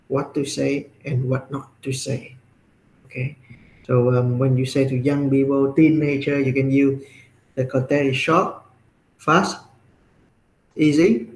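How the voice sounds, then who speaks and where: A man's voice: fairly high pitch, darkish tone, reverberant, rough recording. A man with a Vietnamese accent who teaches a class and explains things step by step, often checking in with "right?" and "okay?". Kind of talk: classroom lecture.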